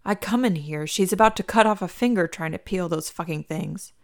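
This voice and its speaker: A woman's voice: fairly low pitch, moderate pace, close to an everyday voice. A woman voicing a long-suffering, huffy head chef in a story reading. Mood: exasperated. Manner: huffy, swearing, exasperated.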